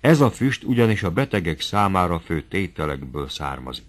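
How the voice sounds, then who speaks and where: A man narrating a classic novel as an audiobook in a measured, steady storytelling manner. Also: sits low.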